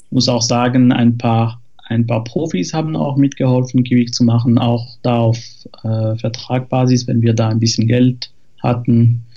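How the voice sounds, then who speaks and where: A man's voice: mid-range voice, flat delivery, moderate pace, hardly any pauses, warm tone, dull audio. A man from France with a French accent, speaking German as a guest on a casual podcast, hesitant with many fillers and restarts. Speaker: guest, software developer.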